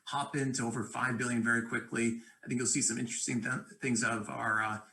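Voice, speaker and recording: A man at an ordinary middle pitch speaks on a panel over a video call. He explains steadily and fluently, assured of his points, listing examples one after another. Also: little pitch movement, quick pace, creaky, pushed and bright, rough recording. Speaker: venture capitalist panelist. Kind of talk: panel discussion.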